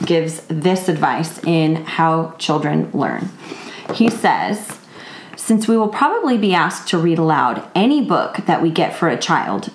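A woman's voice: fairly low pitch, echoey room, low-quality recording. A woman in her thirties co-hosting a casual parenting podcast, reading quotes aloud and laughing often. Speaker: podcast co-host. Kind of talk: casual chat.

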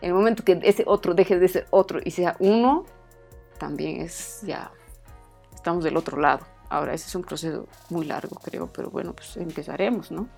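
A woman's voice: lowish voice, moderate pace, gravelly, a little mellow, faint music behind. A young Bolivian woman from a comedy channel, chatting as a guest and thinking aloud with restarts and fillers. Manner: thoughtful, hesitant, many restarts and fillers. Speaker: guest, comedy YouTube creator. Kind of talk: casual chat.

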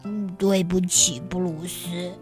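Woman as a shy, halting storybook kitty. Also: on the low side, steady tone, soft background music, pitched below the performer's own voice. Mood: sheepish. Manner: soft, halting. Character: shy, hesitant young storybook cat.

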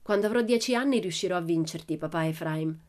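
A woman reading an audiobook and voicing a boastful, exuberant nine-year-old girl with loud, playful exclamations. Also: lowish voice, fast, lightly acted. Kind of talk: audiobook character voice.

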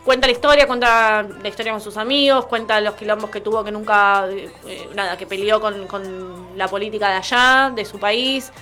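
A woman's voice: mid-range voice, fairly even intonation, moderate pace, few pauses, sharp tone, faint music behind. A woman on a chat panel, gushing enthusiastically as she retells a story with fillers. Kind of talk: casual gossip chat.

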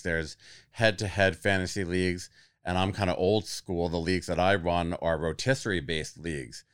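A man with a deep, resonant voice explains strategy at an easy pace, walking through examples. The sound is dry and close, with no room around it. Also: clean tone, no echo. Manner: relaxed, explains at length with examples. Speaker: guest fantasy football analyst. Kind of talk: casual explanatory chat.

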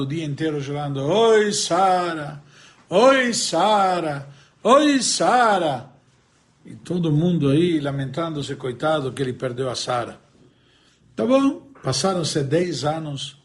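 A man giving a Torah lesson, telling stories and a joke, acting out the characters and pausing to search for words. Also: on the high side. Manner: animated storyteller, voices characters, searches for words aloud. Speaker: religious teacher.

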